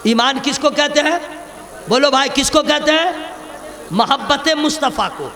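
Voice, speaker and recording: Man preaching, really high voice, slow, long echo, goes from soft to yelling at the crowd. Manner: swings from quiet talk to shouting, calls on the crowd to respond. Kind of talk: fiery sermon to a crowd. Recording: long reverb from a big echoey venue.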